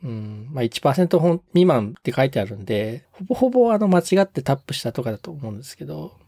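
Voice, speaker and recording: A man co-hosting a casual podcast, polite and a little hesitant, pausing on fillers. His voice is mellow and dark but moves lively in pitch. The sound is dry and close. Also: husky, dry recording. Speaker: podcast co-host.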